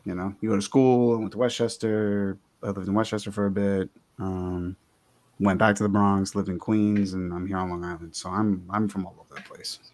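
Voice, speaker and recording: A man's voice: fairly low pitch, flat delivery, normal speed, a little mellow. A man with a New York accent, co-hosting a podcast in chatty, casual conversation. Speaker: podcast co-host.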